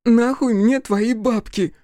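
A man voicing a tough, desperate young woman who yells and swears in a shrill, raised voice. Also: steady tone, slow, dry recording, studio quality. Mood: furious swearing.

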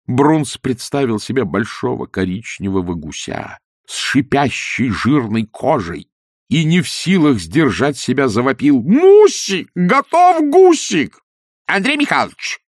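Lively low-voiced male audiobook narrator. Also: no echo, studio quality. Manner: expressive, lively storytelling. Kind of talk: audiobook reading.

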